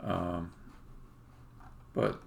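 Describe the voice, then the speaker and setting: During a live-stream demo, a man who makes indie games thinks out loud in a casual, halting way. There is slight background noise.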